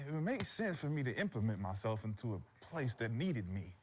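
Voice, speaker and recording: A man's voice: medium pitch, very animated, normal speed, a little mellow, breathy edge. A man on a sports talk panel, mocking a player by speaking in his voice. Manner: mocking, acts out a player in first person.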